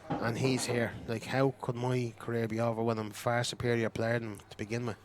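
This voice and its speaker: A man's voice: mid-range voice, flat delivery, a little fast, noisy background. A middle-aged Irish man commentating on a pool match in casual chat, boastful and bantering. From Ireland.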